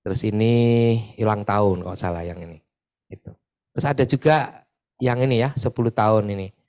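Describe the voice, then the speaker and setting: A man's voice: lowish voice, brisk. A man from East Java leading a church group sharing session, talking casually and chatting with many filler tags. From Pasuruan, East Java. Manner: chatty, often adds filler tags, lively when retelling stories. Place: church meeting room.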